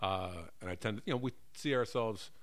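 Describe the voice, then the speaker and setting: A middle-aged American man with a lowish voice chats casually and comically at a fairly quick pace. He is animated, rambles, and often corrects himself.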